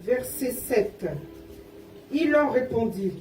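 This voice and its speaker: A woman reading Bible verses aloud haltingly, stumbling and correcting herself. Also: a little high, lively intonation, a little mellow, soft background music. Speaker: scripture reader. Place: church service over a sound system. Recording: roomy, distant pickup with faint noise.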